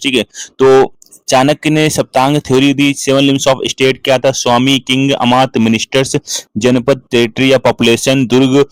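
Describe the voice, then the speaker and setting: Fast-talking male exam-prep teacher, dry sound. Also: medium pitch, clean tone, no echo, low-quality recording. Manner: rattles off lists, switches freely between Hindi and English terms; keeps adding "ठीक है" as a filler. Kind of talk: fast revision lecture.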